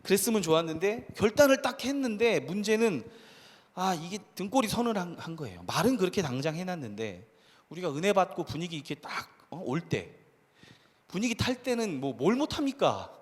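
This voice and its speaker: Animated pastor preaching in a reverberant hall. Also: male voice, high voice, brisk. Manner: animated, conversational preaching with acted quotes and laughs. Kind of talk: sermon to a youth congregation. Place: church hall.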